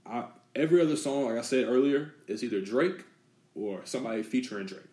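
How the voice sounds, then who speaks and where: A man's voice: mid-range voice, lively intonation, fast talker, dark tone. A man co-hosting a podcast, chatting casually and chiming in with short agreements in an easygoing way. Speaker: podcast co-host. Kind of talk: casual chat. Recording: roomy echo.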